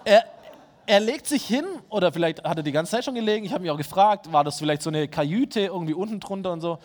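A man's voice: high-pitched, animated, fast. A man preaching a sermon in a conversational way, speaking directly to his listeners and asking them rhetorical questions.

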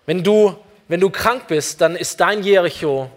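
A man's voice: sits high, measured pace. A man preaching a sermon, earnest, asking the congregation many direct questions. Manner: addresses listeners directly and warmly. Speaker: pastor.

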